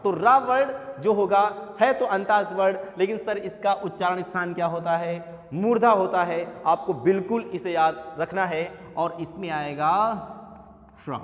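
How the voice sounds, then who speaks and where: A man's voice: high voice, big-room sound. A man teaching an exam-prep grammar lesson, saying sounds aloud as examples and calling his viewers sir.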